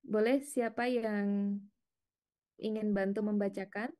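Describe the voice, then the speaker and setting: Lively and talkative, this middle-aged female lecturer leads an interactive class, urging students to respond and laughing frequently. She speaks slowly in a mid-range voice.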